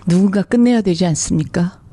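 Impassioned Korean woman counselor, mellow voice. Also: fairly low pitch, fairly quick, dry recording. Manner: impassioned, rhetorical questions, acts out quoted parents. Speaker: psychological counselor. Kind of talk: earnest talk to camera.

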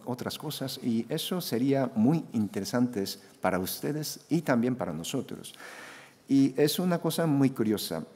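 A man's voice: medium pitch, darkish tone. A middle-aged Japanese man with a Japanese accent speaking Spanish as a second language, giving a hesitant conference talk full of fillers and restarts at a panel table microphone. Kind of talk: conference presentation. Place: conference hall. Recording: echoey conference hall.

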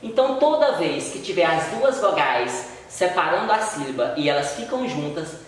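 A Brazilian woman teaching a recorded primary school lesson, patiently explaining and drawing out the example words. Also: lowish voice. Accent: Brazilian Portuguese. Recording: echoey room, voice far from mic.

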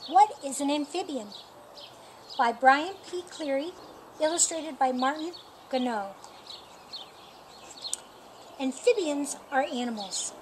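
In a sunny yard by a painted wall, a high-pitched middle-aged woman reads a children's picture book for storytime, taking it slowly and expressively. Birds sing in the background along with general outdoor ambience.

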